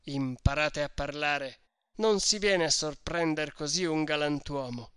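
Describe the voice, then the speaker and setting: A man's voice: a little high, measured pace, sharp tone, no room sound, studio quality. A man voicing a pompous, evasive middle-aged lawyer who lectures and blusters in a storybook reading. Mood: blustering.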